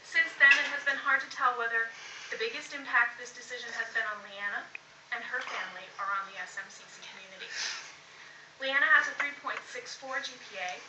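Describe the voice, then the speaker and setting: Female college award presenter, fairly high voice, formal scripted read, echoing room with clear noise. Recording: echoey room, distant mic, noisy.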